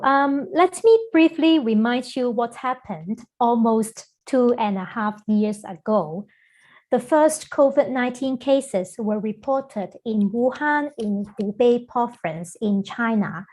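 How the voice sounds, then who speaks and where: A middle-aged woman from Hong Kong gives an online lecture over a video call. Her voice sits somewhat high, and she speaks in a measured way, with frequent fillers between phrases. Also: darkish tone. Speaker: guest lecturer.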